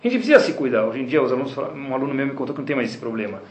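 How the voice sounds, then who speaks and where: Man, Brazilian Portuguese accent, religious teacher, lively storytelling, roomy echo, faint noise behind. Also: mid-range voice, very fast. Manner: lively storyteller, keeps addressing the audience with rhetorical questions. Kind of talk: lecture to a class.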